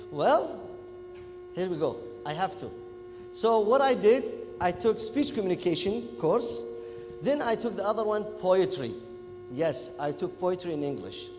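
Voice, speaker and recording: A man from Kuwait with a Gulf Arabic accent, a native Arabic speaker, giving an animated, informal interactive lecture to students and often checking in with them. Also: sits high, background noise. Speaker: public speaking workshop lecturer. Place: echoey event hall. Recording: echoey hall, music in the background.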